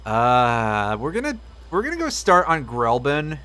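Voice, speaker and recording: A man's voice: mid-range voice, wildly swooping pitch, measured pace, sharp tone. A man giving casual live gameplay commentary as a streamer, with sardonic, sweary grumbling. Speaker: video game streamer.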